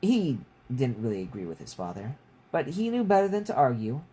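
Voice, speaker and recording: An author reads a story from his own book, adding casual asides, in a medium-pitched, dark voice that swoops wildly in pitch and runs a little fast. Clear background noise is audible in the recording.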